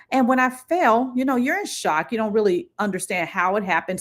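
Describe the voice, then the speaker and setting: A middle-aged woman, the host of her own livestream, telling a personal story casually and acting out what people said. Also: lowish voice. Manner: lively storyteller who acts out what people said. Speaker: livestream host and career coach.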